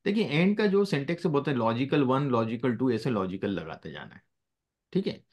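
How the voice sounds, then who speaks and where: A man's voice: mid-range voice, animated, moderate pace, a little mellow. A male teacher giving a live classroom lesson. He mixes English phrases into his explanations and keeps checking that the students follow.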